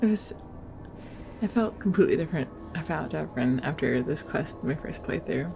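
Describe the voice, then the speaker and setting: A woman's voice: sits low, lively intonation, normal speed, vocal fry, over music. A young woman streamer chatting casually and reacting to a video game, giggly and emotional. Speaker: gaming streamer. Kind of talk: casual let's-play commentary.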